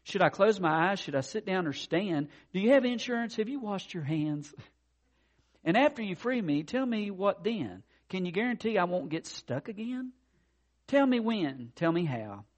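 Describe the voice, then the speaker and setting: A man's voice: high voice, very animated, moderate pace, dull audio, pitched above the performer's own voice. A man voicing a nervous unicorn stuck in a tree, who fires off one fussy worried question after another. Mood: fretful, anxious. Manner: anxious stream of fussy questions.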